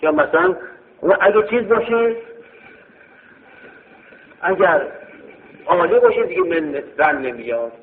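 A man's voice: high-pitched, sing-song, pauses often, a little hiss or hum. A man teaching a grammar lesson, explaining step by step and repeating key phrases. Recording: tinny phone-like sound in a reverberant hall.

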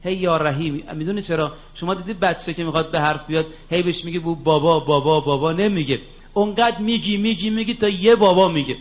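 A man giving a sermon, earnest, telling stories and asking rhetorical questions. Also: high-pitched. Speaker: preacher. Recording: dull lo-fi recording.

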